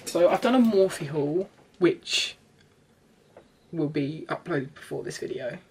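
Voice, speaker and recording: A young woman doing a chatty, self-deprecating makeup vlog in her bedroom, sometimes breaking into excited squeals. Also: low voice, slow, noisy background. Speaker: beauty vlogger. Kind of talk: chatty get-ready-with-me vlog.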